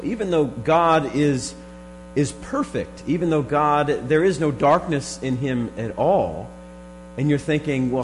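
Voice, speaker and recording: A man with a hoarse, frog-in-the-throat voice teaches scripture verse by verse in a deliberate, emphatic sermon style. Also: medium pitch, a little hiss or hum, rough recording. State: hoarse, froggy voice from a strained throat. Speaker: preacher teaching a Bible study.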